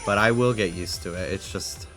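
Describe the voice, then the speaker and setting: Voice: sits low, normal speed. A game streamer giving casual live commentary while playing. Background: faint game music.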